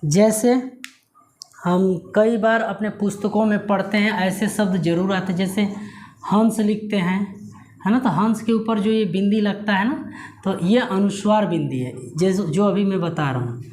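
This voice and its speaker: A male Hindi grammar teacher explaining a lesson to students. He asks questions, answers them himself, and repeats key words slowly. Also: high voice, darkish tone. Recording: echoey room with faint noise.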